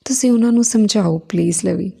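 A woman voicing an earnest young married woman who sounds ill, with soft pleading questions, in a storybook reading. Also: mid-range voice, brisk, gravelly, breathy edge. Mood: eager.

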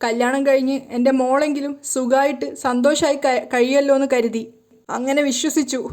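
A woman's voice: high-pitched, level tone, normal speed, a little mellow, lightly acted. A woman voicing a poor older mother who speaks through tears and pleads. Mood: tearful. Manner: pleading, tearful.

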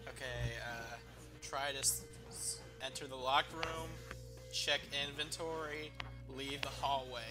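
A man's voice: mid-range voice, steady tone, a little slow, music in the background. A man in a casual let's-play, jokingly reading game choices aloud. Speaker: player.

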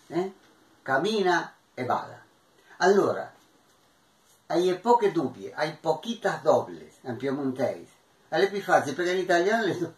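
A man from Argentina teaching a language class, who repeats example phrases slowly and mixes languages as he explains. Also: on the high side. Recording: echoey room, distant from mic.

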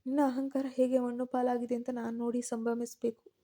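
A woman's voice: a little high, level tone, a little fast, warm tone, close to an everyday voice. A woman voicing a bitter, vengeful young man who taunts and sneers at his old college love. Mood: mocking.

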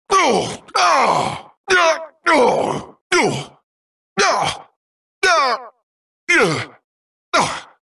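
Spy Rise, raspy excitable robot agent. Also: male voice, mid-range voice, drawn-out words, distant mic, exaggerated voice. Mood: excited, exerting. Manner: short, clipped, exclamatory catchphrases. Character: small plucky robotic secret agent, eager and self-assured. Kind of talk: video game character barks.

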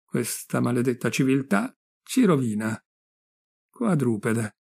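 A jovial, teasing middle-aged man who ribs his old friend without pause, as a gravelly-voiced reader puts him on. The voice has a rough, creaky grain and a lively, joking manner, as in a storybook reading. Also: mid-range voice, heavily acted. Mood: exuberant. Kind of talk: audiobook reading.

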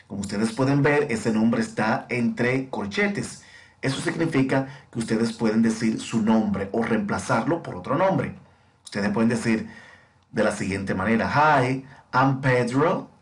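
A man teaching an English lesson, explaining and slowly drilling greetings for students to repeat. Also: mid-range voice, slight background noise. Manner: slow, clear, deliberate drilling. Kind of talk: bilingual language lesson with repetition drills.

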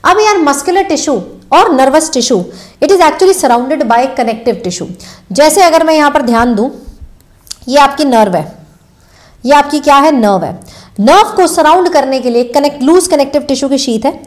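A woman's voice: high voice, expressive, normal speed. A young Indian woman giving a live biology lecture, mixing English terms into Hindi, calling students "beta" and quizzing them by repeating key answers. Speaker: biology teacher. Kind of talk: live online exam-prep lecture.

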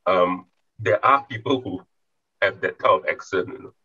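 A man's voice: low-pitched, moderate pace, sharp tone, breathy edge, dull audio. A man with a Singaporean English accent, teasing and emphatic on a casual panel chat. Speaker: panel co-host.

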